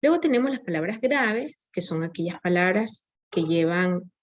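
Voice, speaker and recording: A woman's voice: lowish voice, expressive, normal speed, dull audio. A woman giving a recorded grammar lecture, explaining step by step with frequent tag questions and small self-corrections. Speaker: teacher.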